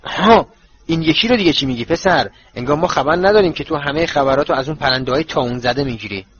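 A man's voice: fairly high pitch, fairly bright tone, husky. Stout bullying uncle, voice quivering with rage, a male reader puts him on. Storybook reading, dull lo-fi audio. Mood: angry. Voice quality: voice shaking with anger. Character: furious bullying middle-aged uncle, stout, red-faced.

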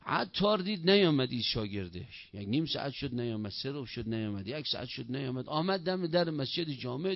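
A man preaching a sermon who tells a story in an animated way and acts out its dialogue. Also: medium pitch, no echo. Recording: dull, lo-fi, dry recording.

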